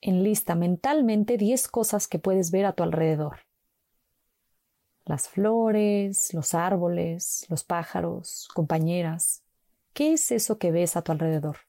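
A woman slowly guiding a mindfulness walk with calm, gentle instructions and long pauses. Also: lowish voice, no echo. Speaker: meditation guide.

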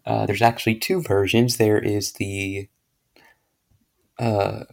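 Young male solo podcaster, low and gravelly, loose rambling delivery. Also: flat delivery, takes it slowly. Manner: rambling, filler-heavy, self-correcting. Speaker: podcast host. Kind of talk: casual solo podcast update.

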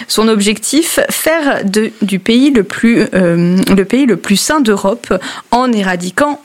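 A woman presenting a book, articulate with a wry edge. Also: on the high side. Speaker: book club member. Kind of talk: book review.

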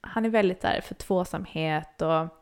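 A woman's voice: fairly low pitch, clean tone. A young woman co-hosting a casual chat podcast, telling stories with animation and acting out her own reactions. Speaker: podcast co-host.

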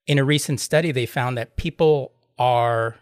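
A man's voice: medium pitch, moderate pace, no echo, studio quality. A man chatting casually as a podcast host, telling anecdotes in a rambling way and acting out both sides of retold exchanges. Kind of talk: casual chat, retelling anecdotes.

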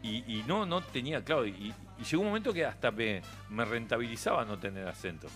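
Middle-aged man, Uruguayan accent, chatty radio guest, forceful bright tone, faint music behind. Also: medium pitch, lively intonation, fast. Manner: chatty storyteller, laughs often, many restarts. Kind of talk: relaxed radio conversation. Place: radio studio.

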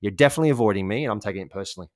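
Dry, lower-voiced male podcast host. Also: rapid-fire, dry recording. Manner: jokey, teasing, lively. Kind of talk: casual chat. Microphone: video call.

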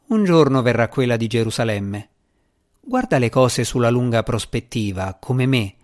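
A scornful, boastful djinni in a boy's form, dripping mockery and theatrical sarcasm, as a man reads him in an audiobook. His mid-pitched voice swings up into sneering jibes. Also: lightly acted. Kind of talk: audiobook character reading.

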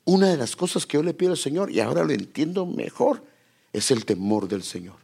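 Gravelly, lively preaching man. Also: a little high, a little fast. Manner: animated preaching, addresses listeners as brother, quotes scripture. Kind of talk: sermon.

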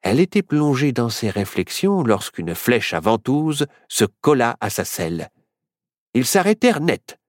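A man narrating a children's storybook in an expressive, measured way. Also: medium pitch, no echo, studio quality. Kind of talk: storybook reading.

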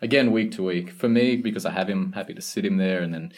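A man's voice: low voice, fast talker. A man with a North Queensland Australian accent chatting casually as a co-host on a sports podcast. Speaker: podcast co-host and fantasy rugby league pundit.

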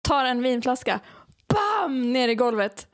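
A young woman host with a fairly high voice recaps a story with amusement. She chats casually and punches in sound effects. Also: sing-song. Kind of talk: casual chat.

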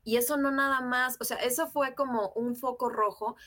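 Earnest woman, co-host, higher voice, encouraging. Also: fairly even intonation, normal speed, fairly bright tone. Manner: earnest, encouraging, advice-giving. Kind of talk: casual conversation about parenting.

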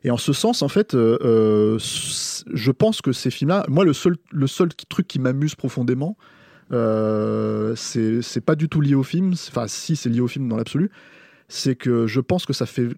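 A man with a warm, mellow voice talks through a film review in casual podcast chat. He restarts his sentences often and hesitates as he searches for words. The sound is close and dry, with no room around it. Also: mid-range voice, expressive, gravelly, no room sound. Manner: halting, frequent restarts and hesitations.

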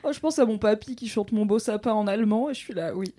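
A woman's voice: mid-range voice, fast, warm tone. A woman hosting a podcast, chatting playfully and asking curious questions. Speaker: podcast host. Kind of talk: casual podcast chat.

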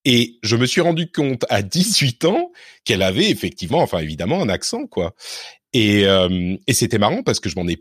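A man with a fairly low voice speaks as an interview guest, thoughtful and given to digressions as he circles back and rephrases. The recording is close and dry, with no room sound behind him. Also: breathy edge, no echo. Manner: reflective and digressive, self-correcting. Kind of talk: relaxed personal interview.

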